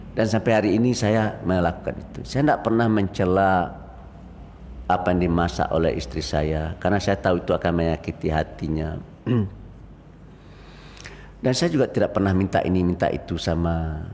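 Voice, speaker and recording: An older Indonesian man gives a lively after-dawn mosque sermon, telling stories and acting out the voices he quotes. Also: low voice. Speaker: preacher. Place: mosque hall. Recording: reverberant mosque hall, faint noise.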